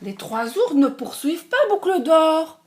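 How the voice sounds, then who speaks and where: A woman telling a fairy tale to children, slow and expressive, sometimes dropping to a soft murmur. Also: high-pitched. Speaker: storyteller.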